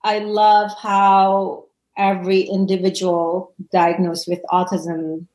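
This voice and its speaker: With a mid-range voice, flat delivery and an unhurried pace, a guest parent coach gives casual interview answers. She's an Indonesian woman in her forties, recorded in a reverberant room, talkative and warm with lots of laughter and many restarts.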